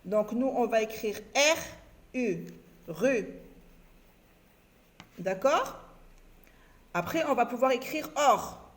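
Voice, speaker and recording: A woman teacher giving a recorded lesson to young children, slowly spelling out letters and syllables and repeating herself for them. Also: on the high side, lively intonation. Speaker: primary school teacher.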